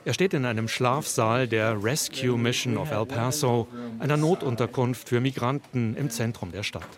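Measured male news narrator. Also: medium pitch, a crowd in the background. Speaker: news reporter.

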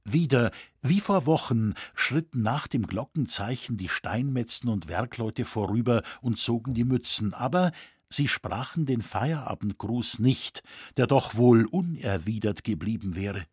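A man reading a historical novel aloud in a measured, calm storytelling manner, recorded on a close studio mic. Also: medium pitch, breathy edge, no echo. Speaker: audiobook reader. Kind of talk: scripted narration.

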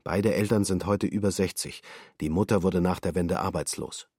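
A man's voice: low voice, moderate pace, warm tone, husky, no room sound, studio quality. An actor playing a male defendant in his thirties, giving clipped, terse testimony in a documentary radio drama.

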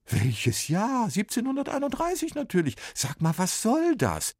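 Man voicing a grumpy older copyist, shrill and scolding, husky edge. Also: wildly swooping pitch, a little mellow, no room sound, clean studio sound, exaggerated voice. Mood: impatient. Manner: exasperated, quick, raised voice.

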